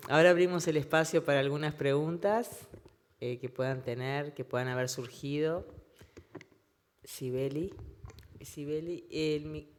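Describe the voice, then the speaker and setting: A man informally moderating a public event in a joking, casual way. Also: fairly high pitch. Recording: echoey hall with faint noise.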